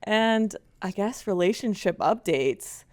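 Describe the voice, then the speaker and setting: A young woman co-hosting a podcast, teasing her co-host in a playful, quick-reacting way. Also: mid-range voice, animated. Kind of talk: casual chat.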